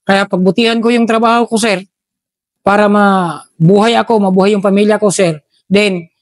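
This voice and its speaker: A middle-aged man, a former special forces soldier telling war stories in an interview, deferential and halting, saying "sir" after nearly every phrase. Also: high voice, steady tone, dry recording. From Philippines. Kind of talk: casual interview storytelling.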